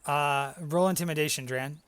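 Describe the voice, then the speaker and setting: A man's voice: on the high side, fairly even intonation, normal speed, a bit bright, clean tone, no room sound. A man narrating as dungeon master, casual and laughing, with some swearing. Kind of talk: narrating a tabletop game.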